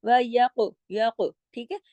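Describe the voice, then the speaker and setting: A woman teaching Quran recitation rules. She explains patiently, stretches each example word out slowly, and often checks in with her listeners. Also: on the high side, steady tone, warm tone, no echo, muffled recording. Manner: draws out words slowly when demonstrating. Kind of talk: recitation lesson with slow demonstrations.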